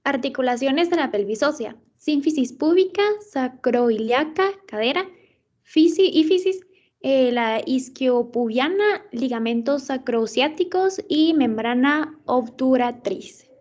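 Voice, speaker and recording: A woman's voice: sits high, expressive, a little slow, a little mellow. A woman student, reading a list of anatomy terms aloud and stumbling on a word. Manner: reads term by term, stumbles on a word. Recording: dull lo-fi call audio.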